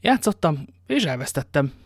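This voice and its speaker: A man's voice: fairly high pitch, big pitch swings, dry recording, studio quality. A man reading an audiobook and voicing Athos, a worldly, ironic musketeer, with a languid manner of telling his tale. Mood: wry.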